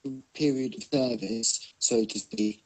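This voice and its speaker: Guy, husky voice, cutting in and out on a bad call, rambling and arguing his point. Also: mid-range voice, fairly even intonation, measured pace, darkish tone, poor audio. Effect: breaking up over a bad call connection. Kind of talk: casual opinionated chat. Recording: choppy internet call audio.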